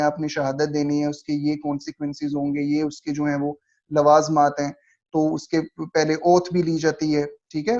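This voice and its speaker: A man with a Pakistani accent lectures on law in a didactic style, reading points out and then explaining them, slowing down markedly for the read-out passages. His voice is fairly high and a little mellow. The recording is dull and lo-fi.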